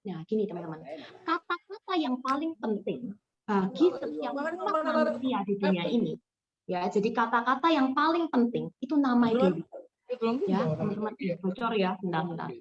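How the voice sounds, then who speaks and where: A woman's voice: a little high, moderate pace. Woman trainer on a dull call. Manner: lively, addresses listeners warmly as friends, mixes in English words. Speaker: sales trainer. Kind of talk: online training talk.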